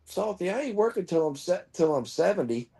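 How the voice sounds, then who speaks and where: A man's voice: sits high, very animated, a little fast, gravelly, warm tone, slightly rough. A man in his fifties hosting a casual live-stream chat, rambling through stories and chuckling often. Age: 50s.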